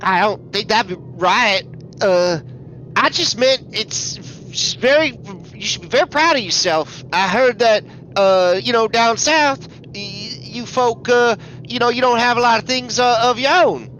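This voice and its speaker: Game master doing a bumbling condescending young fella, stammery, high bright voice, bit of background noise. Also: unhurried, dull audio, natural voice. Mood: chipper, awkwardly condescending. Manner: stammering, flustered, over-apologetic. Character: eager, bumbling, condescending young man, new crew member. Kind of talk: tabletop role-play character voice.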